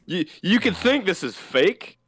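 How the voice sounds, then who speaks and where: A young man casually telling school stories on a podcast, animated and laughing at his own tales. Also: sits high, unhurried, husky, no echo. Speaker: podcast host. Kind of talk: casual storytelling.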